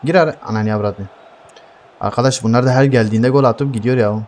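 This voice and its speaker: A young man giving heated live gameplay commentary, swearing constantly and yelling at his teammates. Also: mid-range voice, fairly even intonation, fast talker. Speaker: gaming streamer.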